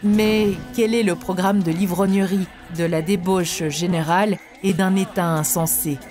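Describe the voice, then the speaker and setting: In an animated spiritual story, an actress voices a wise female teacher who instructs her disciples, serene and earnest. Her slightly low voice explains things in a measured, lightly acted way over quiet background music. The scripted, didactic cartoon dialogue has a solemn, instructive mood.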